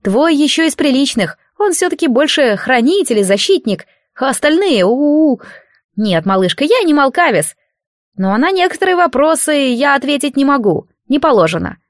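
A woman doing a cheeky child god, pitched high. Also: big pitch swings, no echo, studio quality. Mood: indignant. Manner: petulant, teasing, quick, grown-up under a child's voice. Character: cheeky shape-shifting child god, boyish, grumpy. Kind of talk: audiobook character voice.

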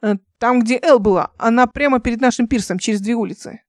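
A woman's voice: a little high, fast, no echo, clean studio sound, natural voice. A woman reading an audiobook voices a young male captain who speaks in a clipped, insistent way. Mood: tense.

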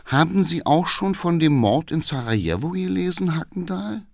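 A man playing a shrill, scolding old councillor. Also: sing-song, moderate pace, creaky, a little mellow, dry recording, clean studio sound, exaggerated voice. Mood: dismissive. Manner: high, shrill, scolding outbursts. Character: irritable old privy councillor, gentleman passenger.

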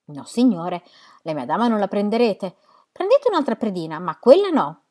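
A woman voicing a shy, lonely shopkeeper who grows lively in conversation, read from a novel. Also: mid-range voice, moderate pace.

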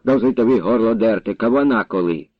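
A man voicing a grumpy, bossy old village grandfather who scolds and shouts at the young men. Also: fairly low pitch, fairly quick, no echo. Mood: scolding. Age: older. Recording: dull, dry recording.

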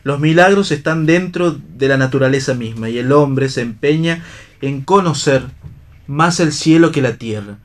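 A man reads the role of a wandering, philosophical husband for a radio play, speaking in his natural medium-pitched voice at an ordinary pace. The lines come out declamatory and literary, firm in mood, by turns tender, bitter and ironic.

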